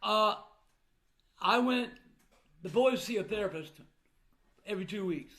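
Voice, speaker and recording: A man's voice: high voice, lively intonation, unhurried, a bit bright. An older man talking casually and bluntly to his viewers, with the plain manner of an old grandfather. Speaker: vlogger recounting family troubles. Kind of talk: casual personal talk to viewers.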